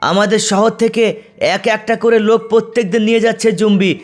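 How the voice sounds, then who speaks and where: A man's voice: sits high, level tone, fast talker, close to an everyday voice. A man voicing a stern male police chief in a game video, scolding and urging his men. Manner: scolding, urgent.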